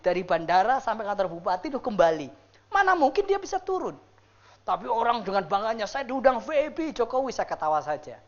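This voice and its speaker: A male pastor preaching a lively sermon to a church congregation, acting out the people he describes. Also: dull audio. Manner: animated, acts out quoted people with big pitch swings. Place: church service.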